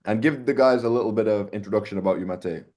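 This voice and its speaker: A man's voice: fairly low pitch, fast, darkish tone. A man hosting a casual interview, talking in a loose, slangy way and calling his audience boys and lads. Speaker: host.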